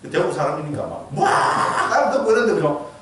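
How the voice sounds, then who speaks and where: A man's voice: high-pitched, very animated, a little fast, fairly bright tone. A man with a Gyeongsang accent, a monk giving a dharma lecture who keeps asking the audience questions and checking they follow. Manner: asks the audience questions, frequent 'geujyo?' checks. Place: temple lecture hall. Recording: echoey hall from far off.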